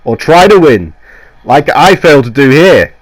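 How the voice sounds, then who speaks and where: This man's voice is a little high and sing-song, at a moderate pace, in a low-quality recording made on a voiceover mic. A gaming YouTuber with a cold, he sounds nasal and coughs at times while giving a rambling, sweary, enthusiastic game review voiceover full of restarts.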